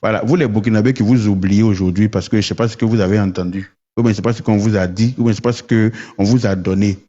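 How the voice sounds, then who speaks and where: A man from Côte d'Ivoire, an online commentator, delivers a heated political rant to viewers, stammering, repeating words, and asking rhetorical questions. His voice is fairly low and warm with a steady tone, fast, and the sound is lo-fi.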